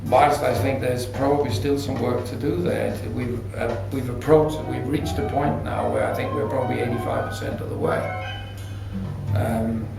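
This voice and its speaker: An audio company designer being interviewed explains things unscripted, in a creaky, mid-range voice at a moderate pace. He's reflective and hesitant, often rephrasing mid-sentence. The recording has a roomy echo with music behind it.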